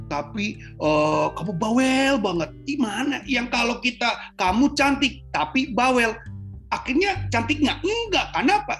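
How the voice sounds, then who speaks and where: A man preaching a sermon, his voice dropping to low murmurs and then jumping up into high, emphatic bursts. Soft guitar music plays faintly behind him.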